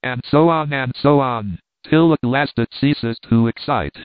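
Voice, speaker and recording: A man giving an even, wry, unhurried audiobook reading of essays. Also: medium pitch, no echo. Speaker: reader. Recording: dry, tinny phone-like sound.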